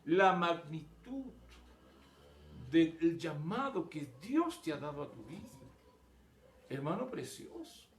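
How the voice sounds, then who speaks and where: A man's voice: on the high side, very animated, measured pace, darkish tone, echoey room, slight background noise. A male pastor preaching a sermon, often repeating words and calling his listeners brothers. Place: church.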